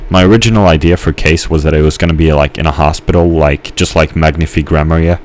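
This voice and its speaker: Very deep-voiced man rambling over a game. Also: steady tone, quick pace. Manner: rambling, hesitant, full of fillers and restarts. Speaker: gamer narrating his gameplay. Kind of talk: casual rambling commentary.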